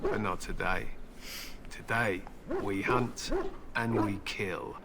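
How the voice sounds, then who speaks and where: Slow, creaky, and lowish with a steady tone, an actor's voice delivers dialogue for a stern warrior in a video game. This grim human hunter with war hounds speaks solemnly and curtly of battle and his dogs, backed by loud game music.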